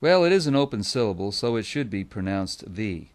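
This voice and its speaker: A man's voice: lowish voice, big pitch swings, a little fast. A man voicing an earnest older man who compiles a dictionary, explaining his spelling rules.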